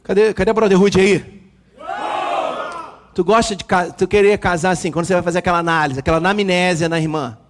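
A man preaching a lively sermon, joking with the congregation and acting out quotes. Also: sits high, a little fast, some chatter behind, a little hiss or hum. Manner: animated, jokes with the congregation, acts out quotes. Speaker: pastor.

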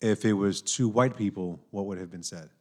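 Low-voiced man in casual podcast chat. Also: normal speed. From New York. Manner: animated, talks with hand-wavy fillers and repeats himself. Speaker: podcast host.

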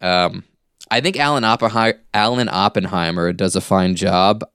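A man's voice: low voice, moderate pace, a bit bright, clean tone, no echo, studio quality. A man co-hosting a podcast, giving thoughtful commentary in casual, analytical conversation. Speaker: podcast host discussing an animated series.

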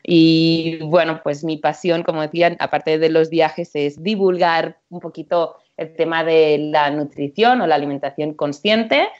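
A woman's voice: deep voice, fairly even intonation, unhurried, few pauses, a little mellow. A woman from Catalonia, a nutritionist guest, chatting enthusiastically on a radio show. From Spain (Catalonia, Empordà). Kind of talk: casual radio chat. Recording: dull lo-fi sound.

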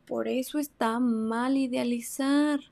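A young woman with a Mexican accent hosting a casual advice podcast, chatty and slangy, swinging between loud emphasis and soft asides. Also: fairly high pitch, steady tone, slow pace, vocal fry. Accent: Mexican Spanish. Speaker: podcast host.

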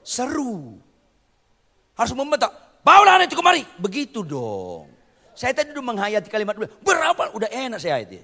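A man preaching a lively sermon, quizzing his congregation and tossing in jokey asides, in a church hall. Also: high-pitched, normal speed. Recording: long reverb of a church hall.

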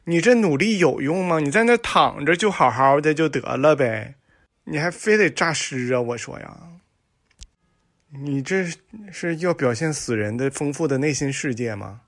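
A man's voice: fairly high pitch, lively intonation, moderate pace, fairly bright tone. A man voicing a blunt audience member who mocks a bad actor in a sarcastic, scolding voice. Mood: mocking.

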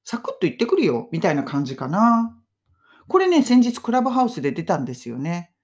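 A woman with a low voice that moves lively up and down as she hosts a casual English lesson. She speaks in Japanese and says the English example phrases slowly and clearly so listeners can repeat them. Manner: friendly, models English phrases slowly for repetition. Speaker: English teacher podcast host.

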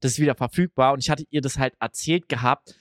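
A man's voice: mid-range voice, fast, dry recording, studio quality. A young man co-hosting a podcast in casual chat, loose and chatty, dropping English slang words. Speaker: podcast co-host.

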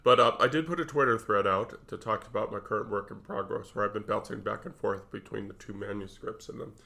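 A man's voice: lowish voice, fairly quick, gravelly, sharp tone. A middle-aged man with a stuffed-up, congested voice, rambling and self-deprecating as a podcast co-host on a close mic. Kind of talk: casual podcast chat.

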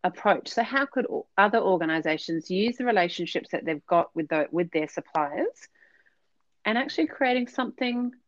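This podcast guest, a business consultant, speaks at a medium pitch and normal speed, her delivery expressive. Her conversational interview answers are earnest and explanatory, with frequent fillers. There's no room sound, and the highs are cut off.

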